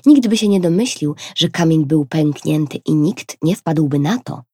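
Storyteller woman, expressive children's reading, husky voice, dry close sound. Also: sits low, normal speed, dry recording. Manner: expressive, gentle.

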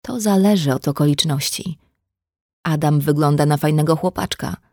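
Woman reading sly mocking young guy, soft gentle teasing tone, low voice. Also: moderate pace, no room sound, studio quality.

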